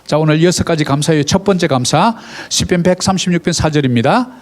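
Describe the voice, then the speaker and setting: A middle-aged male pastor preaching a sermon at a church service, animated, with rising exclamations and direct prompts to the congregation. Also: on the high side, a little fast.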